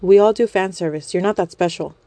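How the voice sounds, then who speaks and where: A woman's voice: mid-range voice, a little fast, warm tone, dry recording, natural voice. A woman voicing an angry, protective husband in a narrated story, speaking firmly and accusingly. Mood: cold, firm. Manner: firm, accusing, cutting. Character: angry, protective young husband and pop idol.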